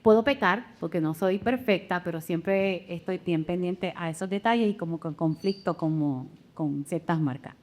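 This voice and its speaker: A woman's voice: fairly low pitch, normal speed, hardly any pauses. A woman, a content creator on a panel, speaking candidly and with energy. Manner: animated, candid, laughs easily. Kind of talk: casual panel discussion.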